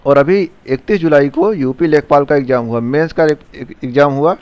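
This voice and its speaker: A man's voice: on the high side, normal speed, darkish tone, no echo, lo-fi sound. A man teaching exam preparation, walking viewers through a syllabus in an earnest, direct way. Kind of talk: explaining a syllabus on a screen.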